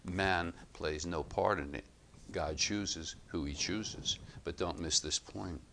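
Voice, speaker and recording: A man giving expository Bible teaching, reading passages aloud and explaining them in a measured, emphatic way. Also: sits low, creaky, pushed and bright, slight background noise.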